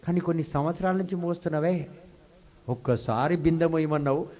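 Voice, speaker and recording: A man's voice: on the high side, fairly quick, warm tone. A man preaching a sermon with call-and-response to his congregation, often climbing into stretched, emphatic phrases on a handheld mic. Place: healing service hall. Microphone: handheld microphone.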